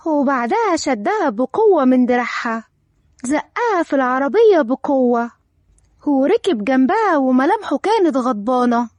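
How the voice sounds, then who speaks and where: A woman's voice: high voice, darkish tone, dry recording. A woman with an Egyptian accent narrating a dramatic story.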